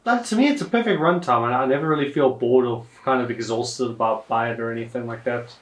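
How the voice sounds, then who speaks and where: A man's voice: mid-range voice, quick pace. A man co-hosting a podcast, talking eagerly about a film and often repeating words as he restarts. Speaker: podcast co-host. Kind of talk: casual film discussion. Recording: echoey room.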